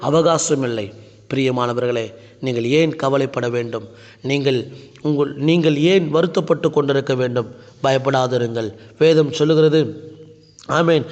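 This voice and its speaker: A man's voice: a little high, long reverb tail, lo-fi sound. A man preaching a sermon and praying as a pastor, with repetitive, pleading exhortation. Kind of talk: sermon and prayer.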